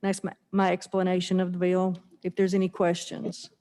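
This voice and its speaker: A woman's voice: on the low side, monotone, normal speed, warm tone. A female legislator talking through a face mask, explaining a bill in a chatty, earnest way with some restarts. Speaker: state legislator presenting a bill. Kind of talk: formal committee testimony. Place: legislative committee room. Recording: reverberant hall.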